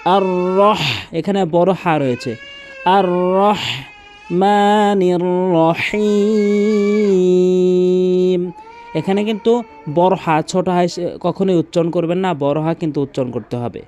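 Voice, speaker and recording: A man teaching Quran recitation rules, chanting verses slowly and then explaining quickly in plain speech. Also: a little high, warm tone, slight background noise. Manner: alternates drawn-out chanted recitation with rapid instruction.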